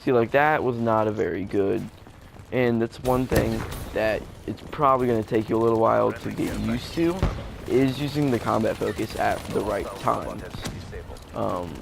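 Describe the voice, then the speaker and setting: A man's voice: lowish voice, moderate pace, vocal fry, background noise. A young man giving live gameplay commentary as a gaming YouTuber, rambling with many fillers and restarts. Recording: gameplay gunfire loud behind. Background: game gunfire and explosions.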